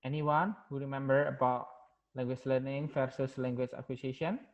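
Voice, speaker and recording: Reviewing the course in an online class, a male university lecturer speaks with an Indonesian accent in a mid-range, steady tone. He halts frequently, leaning on fillers and a repeated "yeah," over lo-fi audio.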